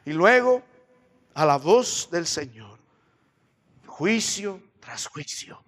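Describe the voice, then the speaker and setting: A man with a Peruvian Spanish accent preaching a sermon as pastor, rising into loud, impassioned reading. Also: on the high side, expressive, extremely slow, big-room sound. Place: church.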